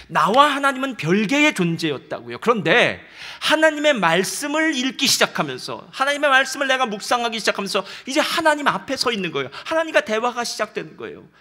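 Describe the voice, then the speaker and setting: A man preaching a sermon as pastor, moving from quiet storytelling to loud, emphatic exhortation and acting out dialogue for his congregation. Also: high voice. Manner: addresses the congregation often, acts out God's words in dialogue.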